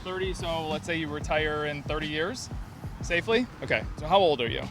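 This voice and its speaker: A man in his thirties hosting a street interview outdoors on a city street, asking quick questions and running through numbers in an upbeat way. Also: on the high side, lively intonation, noisy background. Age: 30s.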